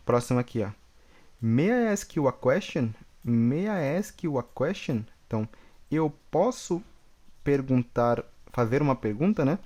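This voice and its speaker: A man from Brazil teaching an English lesson, patiently repeating each example slowly and checking in with the class. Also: medium pitch, dark tone.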